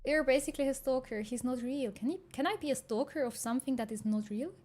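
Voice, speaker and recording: A man's voice: very high-pitched, fast, darkish tone. A man speaking through a voice changer that makes him sound female, playing a teasing, sarcastic AI avatar who chats casually with viewers. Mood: chatty. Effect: voice changer making a man sound female. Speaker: streamer. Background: faint game soundtrack music.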